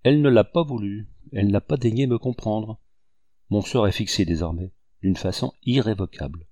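Bitter proud rebel commander, low grave voice, dry sound, as a man reads him. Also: moderate pace, dark tone, no echo, natural voice.

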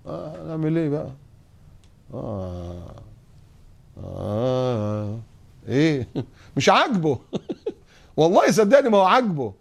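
A man with an Egyptian accent preaching a lively sermon, asking rhetorical questions and acting out little scenes. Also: on the high side, fairly quick, creaky, pauses often, slightly rough. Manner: animated, rhetorical, acts out scenes.

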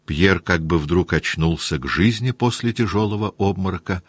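Deep, husky male narrator. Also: steady tone, normal speed, dry recording. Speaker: audiobook narrator. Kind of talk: scripted narration of a classic novel.

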